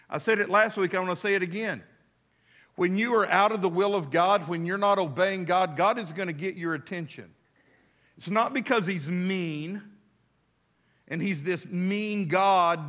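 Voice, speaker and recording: An American man in his fifties preaching a sermon as a pastor, with emphatic, deliberate phrasing and frequent repetition. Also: high-pitched, a bit bright. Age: 50s.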